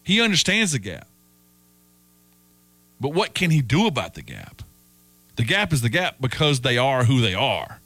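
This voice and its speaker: Animated man talking sports. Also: mid-range voice, moderate pace, pauses often, no room sound. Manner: animated storyteller, acts out quoted voices. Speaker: sports radio host. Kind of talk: casual sports talk.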